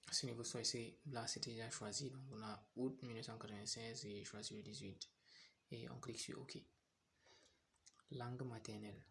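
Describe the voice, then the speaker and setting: A man's voice: mid-range voice, level tone, normal speed, gravelly, fairly bright tone, slight background noise. A young man from Cameroon, walking viewers step by step through an app tutorial, often hesitating and repeating himself. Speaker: tutorial host. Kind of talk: screen-recorded phone app tutorial.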